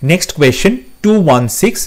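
A man's voice: on the high side, lively intonation, racing. A man teaching an exam-prep spelling lesson, spelling words out letter by letter, repeating them, and speaking directly to his students. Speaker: English teacher.

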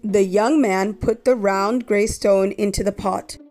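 A woman reading a children's story aloud in an expressive, measured storytelling way. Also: medium pitch, faint music behind. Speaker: storybook reader.

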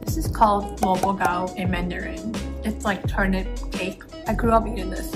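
A woman in her twenties from Taiwan, talking casually through her work day in a vlog, with a relaxed manner and frequent "like". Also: medium pitch, moderate pace. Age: 20s. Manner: relaxed, uses "like" often. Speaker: business analyst vlogger. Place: apartment home office, indoors. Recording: background music under voice.

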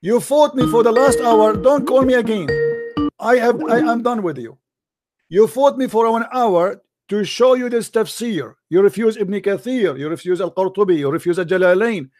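A man hosting a heated call-in debate, combative and interrupting, reciting Arabic verses quickly. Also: high-pitched, soft background music. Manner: combative, interrupting, shouts down the caller. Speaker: debate host.

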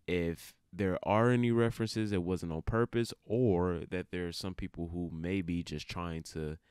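A man with a very low, resonant voice delivers casual opinion commentary. He talks colloquially, breaking off into asides. The recording is dry and close. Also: steady tone, measured pace, a little mellow, smooth, dry recording. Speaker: video creator.

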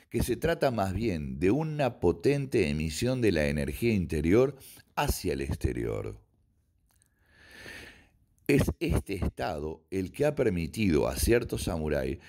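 Male karate instructor, low voice with a wide, lively melody, reads prepared notes deliberately. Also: vocal fry. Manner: measured, deliberate reading with occasional slips and self-corrections. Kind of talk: reading a written text aloud.

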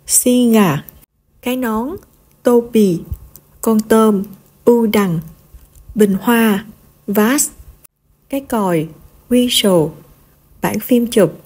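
A woman giving a pronunciation lesson, slowly drilling syllables one at a time and then explaining them plainly. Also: a little high, warm tone, slightly rough. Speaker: language teacher vlogger.

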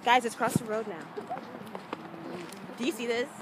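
A woman's voice: a little high, steady tone, normal speed, heavy background noise. A young woman chatting casually on a shared vlog during a car ride and shopping trip. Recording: loud music over the voice.

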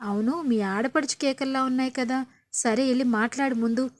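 A scheming middle-aged mother, calm and cautioning, as a woman narrator puts her on. The voice sits a little high and stays close to the reader's own. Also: moderate pace, natural voice. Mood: brisk.

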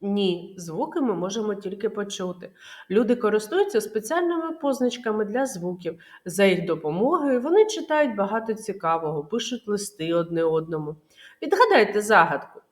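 A woman kindergarten teacher giving a literacy lesson to young children, explaining patiently and clearly with many questions. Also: medium pitch, sing-song, moderate pace.

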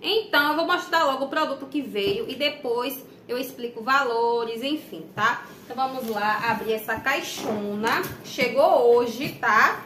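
Chatty young bahian woman, bright voice, talking to viewers, echoey little room w some street noise. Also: on the high side, a little slow, hardly any pauses. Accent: Bahian Brazilian Portuguese. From Brazil. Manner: chatty, addresses viewers often. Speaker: vlogger. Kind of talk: casual unboxing chat. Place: small room indoors, plain wall.

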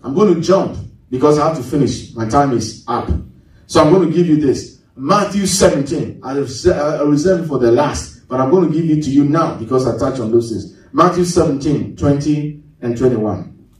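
A man's voice: a little high, normal speed, darkish tone. A male pastor preaching a sermon, quizzing the congregation with call-and-response questions and repeating key words for emphasis. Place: church. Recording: very echoey church hall, mic at a distance.

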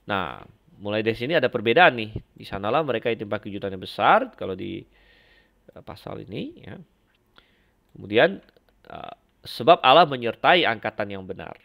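A man giving a Bible lesson, explaining slowly with frequent fillers and restarts as he compares passages. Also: lowish voice, animated, vocal fry. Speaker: Bible teacher. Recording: dull lo-fi lecture recording.

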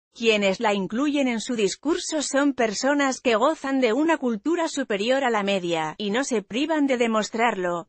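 A woman reading a news article aloud in an even, measured way, as a news voice-over. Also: a little high, no room sound. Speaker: news reader.

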